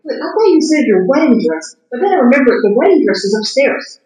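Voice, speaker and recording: A young woman spins a chaotic story in a casual podcast chat, laughing and squealing as it builds. Her voice sits fairly high. The room rings with a lot of echo. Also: fast talker. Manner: animated, laughs often, squeals while telling. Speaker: podcast guest telling a story. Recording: echoey room.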